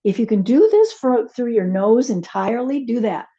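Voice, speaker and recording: A woman teaching a chair yoga and meditation class, giving gentle, unhurried cues with soft asides. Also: a little high, husky, highs cut off. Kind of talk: guided yoga class instruction.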